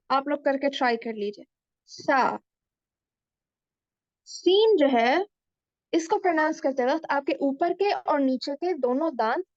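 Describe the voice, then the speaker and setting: High-voiced woman teaching slowly. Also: a little mellow, no room sound. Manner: patient, deliberate, demonstrating letter sounds aloud. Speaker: Quran recitation teacher. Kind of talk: slow explanatory lesson mixing Hindi-Urdu and English. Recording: dull lo-fi dry recording.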